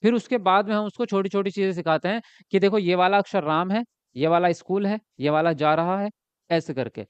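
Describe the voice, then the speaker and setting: Man teacher, high clear voice, exam-prep lesson, dry close mic, a bit lo-fi. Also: a little fast, dry recording. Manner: explains by asking and answering himself; ends points with a checking tag.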